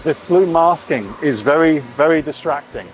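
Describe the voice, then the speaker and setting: A middle-aged man, whose boat is under construction at a boatyard, gives a chatty, admiring walkthrough from inside his catamaran, exclaiming over the details with frequent oohs. His fairly high voice is expressive and moves at a moderate pace. The casual vlog has faint music behind it and a rough recording.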